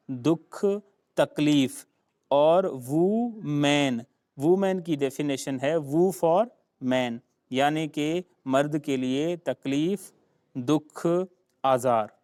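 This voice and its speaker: A man teaching English grammar, his Sindhi. He talks slowly and patiently, spelling words out and repeating them for his students, in a smooth, slightly high voice. The sound is close and dry. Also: a little mellow, dry recording. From Sindh, Pakistan. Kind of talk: classroom grammar lecture.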